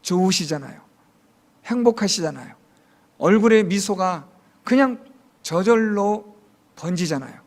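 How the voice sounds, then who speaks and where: A man's voice: high-pitched, expressive, unhurried, pauses often. A man from Seoul, a pastor, giving a chatty, humorous Sunday sermon full of questions to his congregation.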